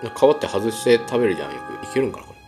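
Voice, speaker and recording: A man's voice: medium pitch, big pitch swings, racing, over music. A young man with a western Japanese accent, chatting casually to the camera as he eats in a mukbang. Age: young adult. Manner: talks to camera while eating and tasting. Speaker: mukbang host. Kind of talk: casual mukbang eating chat. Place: small room at home.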